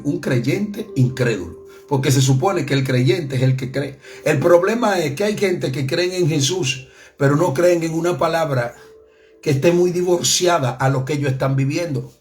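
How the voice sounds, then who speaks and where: Impassioned high-voiced male preacher. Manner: impassioned preaching, swinging between soft and loud. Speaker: pastor. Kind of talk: sermon. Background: faint music.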